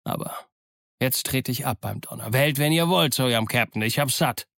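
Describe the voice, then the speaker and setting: A man's voice: medium pitch, moderate pace, gravelly, fairly bright tone, no room sound. A man voicing a scheming old pirate chief who blusters and mocks his crew, in a dry recording. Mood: blustering. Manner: blustering, mocking.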